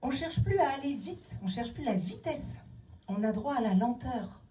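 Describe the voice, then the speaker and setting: A middle-aged woman, somewhat high-voiced with a dark tone and lively intonation, talks at a moderate pace to a town hall audience about inclusive city design, far from the microphone. Her style is emphatic, full of rhetorical questions and acted-out quotations.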